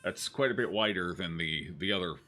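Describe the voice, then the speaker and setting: Bright, lively low-voiced man joking over gameplay. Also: a little fast, faint music behind. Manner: joking, wry. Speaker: gaming video host. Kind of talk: casual gameplay commentary.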